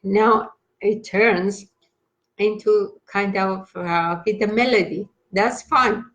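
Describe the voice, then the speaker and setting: Slow, halting woman teaching meditation. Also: medium pitch, fairly even intonation, fairly bright tone, poor audio. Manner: slow, halting instruction with many fillers. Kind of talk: leading a meditation class.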